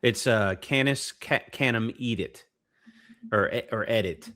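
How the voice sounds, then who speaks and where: A man's voice: on the low side, a little slow, sharp tone. A man co-hosting a retro gaming podcast, talking casually with lots of fillers and restarts. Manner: hesitant, many fillers and restarts. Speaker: podcast co-host.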